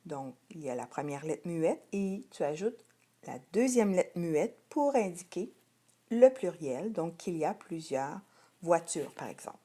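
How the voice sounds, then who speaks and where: A woman teacher with a Québécois French accent reads out a children's spelling dictation at a very slow, careful pace. Her low, mellow voice stays patient and spells out each word with deliberate articulation. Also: sing-song, breathy edge.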